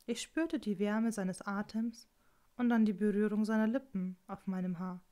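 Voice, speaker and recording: A woman narrating a novel in the first person, calm and intimate. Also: mid-range voice, normal speed. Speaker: audiobook reader.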